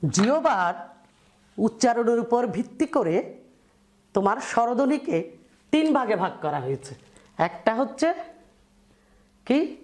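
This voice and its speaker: A woman's voice: a little high, sing-song, takes it slowly, long pauses, a little mellow. A woman teaching a school class, who repeats key words and keeps checking that her students understand. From Bangladesh. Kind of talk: classroom lesson.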